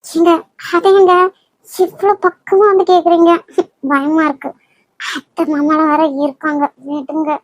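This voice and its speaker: A woman's voice: very high voice, moderate pace. A woman voicing a shy, coy young wife who is expecting a baby, in a cartoon. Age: young adult. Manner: coy, bashful. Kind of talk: cartoon voice acting.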